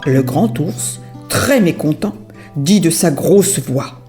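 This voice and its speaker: Expressive, sing-song woman reading a storybook. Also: deep voice, takes it slowly, over music. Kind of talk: storybook read-aloud.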